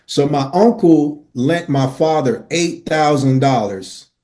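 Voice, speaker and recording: A man's voice: a little high, slow pace, warm tone. Earnest man from Miami telling his story. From Miami, Florida. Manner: earnest, slangy, lots of "uh" and "right?". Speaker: podcast guest. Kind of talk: storytelling in an interview.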